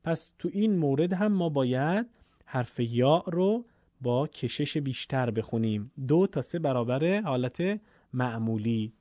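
A man teaching a Quran reading lesson, explaining patiently and drawing out his recited examples slowly. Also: medium pitch, expressive, warm tone, no room sound. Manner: slow, stretched chanted recitation of examples.

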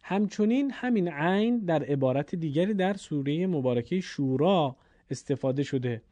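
Man teaching quran reading, patient, mellow voice, dry close mic. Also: on the high side, lively intonation, dry recording. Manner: slow, stretched chanted recitation of examples; patient, explanatory tone. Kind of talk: recorded Quran reading lesson.

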